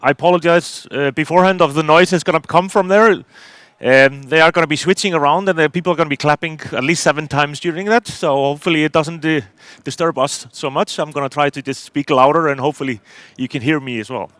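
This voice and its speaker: A man's voice: on the high side, steady tone, fast talker, fairly bright tone, no room sound. A middle-aged man from Iceland, giving a technical conference talk from a stage, hesitant with many fillers and restarts. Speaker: conference speaker.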